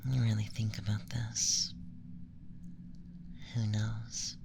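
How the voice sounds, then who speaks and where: A performer voices an aloof, teasing alien femboy interrogator, probing in a slow, deliberate, soft ASMR whisper. The mid-range voice is creaky and completely flat in delivery, over a noisy background.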